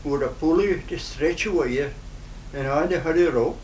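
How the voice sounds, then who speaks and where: A man in his nineties with a broad Scottish accent, reminiscing informally in a halting, rambling way in dialect. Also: a little high, a little mellow. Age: 90s. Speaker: interviewee, retired farm worker. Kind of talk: informal oral-history reminiscence. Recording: roomy, noisy, distant microphone.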